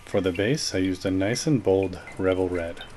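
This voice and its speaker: A man's voice: deep voice, normal speed, darkish tone, soft background music. A man giving a casual, matter-of-fact voice-over for a how-to video, explaining each step plainly. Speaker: maker narrating a how-to video. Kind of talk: casual scripted tutorial voice-over.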